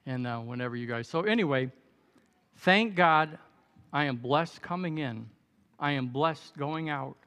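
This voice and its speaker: Music and hall reverb surround a seventy-year-old pastor delivering a sermon and altar call in a large church hall. His voice sits on the high side, clear and resonant, and he takes his time. Exhorting his congregation, he repeats declarations of thanks and praise and bursts into shouted praise.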